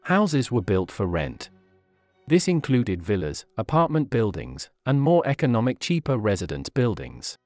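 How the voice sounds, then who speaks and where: A man reading scripted documentary narration for a walking tour, in a measured, list-by-list delivery. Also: mid-range voice, huge pitch swings, darkish tone, no echo, clean studio sound, faint music behind.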